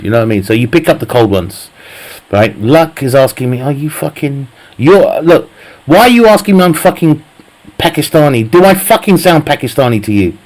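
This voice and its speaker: On a low-quality recording, a man with a medium-pitched voice banters casually with his live stream viewers during gaming. Profanity is frequent, and he often laughs at his own jokes.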